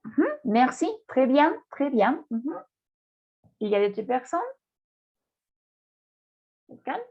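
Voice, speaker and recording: A woman's voice: sits high, lively intonation, takes it slowly, a little mellow. A woman teaching a beginner French class, patiently repeating words for her students to drill. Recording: dull lo-fi sound.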